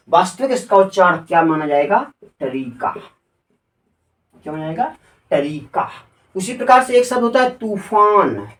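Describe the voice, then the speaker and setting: A man's voice: sits high, roomy sound, far from the mic. Man teaching grammar, off-mic. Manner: spells words out letter by letter and asks rhetorical questions. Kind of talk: classroom lecture.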